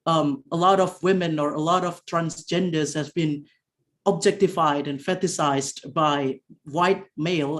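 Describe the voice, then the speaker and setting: Over a video call, a young woman with a very deep voice gives an academic presentation as a conference presenter. She halts often, filling gaps with fillers and restarting her sentences.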